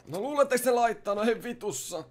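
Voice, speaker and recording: A man playing a brash, foul-mouthed young criminal in a game roleplay, loud and frantic, swearing and threatening. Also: extremely high pitch, animated, noisy background. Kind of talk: GTA roleplay, in-character shouting and swearing.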